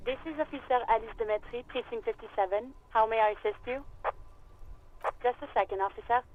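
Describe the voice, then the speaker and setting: An actress voicing a polite female police dispatcher speaking over a crackly radio. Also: a little high. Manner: brisk, formal. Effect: radio static. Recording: tinny radio line.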